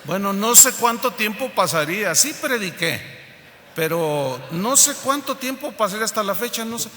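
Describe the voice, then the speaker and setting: A man preaching a sermon, telling a personal story in a lively way and acting out the people he quotes. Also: high voice, moderate pace, slight background noise. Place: church hall. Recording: reverberant hall, faint ambience.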